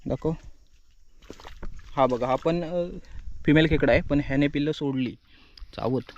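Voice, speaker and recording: Young man vlogging outdoors, lightly high-pitched. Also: unhurried. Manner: chatty, addresses viewers directly, often drops to a soft murmur while handling finds. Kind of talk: casual outdoor vlog narration. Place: outdoors on an open rural plateau. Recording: dull, muffled outdoor audio with faint nature noise.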